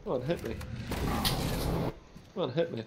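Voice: medium pitch, animated, very noisy. A player in a multiplayer game session, joking with the group while acting as bait. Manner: slow, joking, quotes memes. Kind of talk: casual multiplayer gameplay chat.

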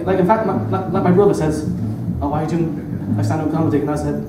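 Filmed from the far end of an echoey, noisy little club, a nervous eighteen-year-old comic works a dark stage with a handheld mic. He stutters, repeats words, mocks himself, and chuckles at his own jokes, speaking fast in a fairly high, steady voice.

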